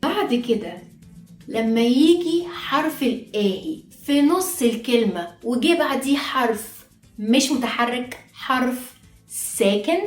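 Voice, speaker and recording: A woman with an Egyptian Arabic accent, patiently teaching pronunciation step by step, repeating each example word aloud. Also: a little high. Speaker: Portuguese teacher. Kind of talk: online language lesson. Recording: echoey room with faint music.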